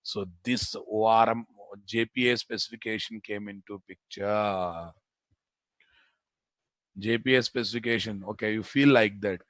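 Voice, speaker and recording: A programming instructor with a Telugu Indian accent gives an informal live technical lecture, calling his students "boss," repeating phrases for emphasis, and answering his own questions. His voice is fairly low and steady with a fairly bright tone, unhurried, and there's no room sound.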